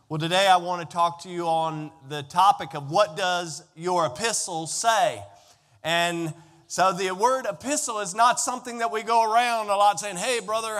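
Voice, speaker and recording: A middle-aged American pastor preaches a sermon in a conversational, emphatic style, putting rhetorical questions to his listeners. His voice is high-pitched and a bit bright, echoing through a hall with long reverb.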